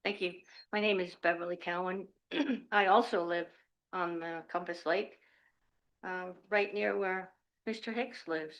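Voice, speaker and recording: An older woman giving a public comment at a county meeting, upset and halting, her voice shaking as she pleads and apologizes. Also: on the low side, fairly even intonation, dull audio. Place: county commission meeting room.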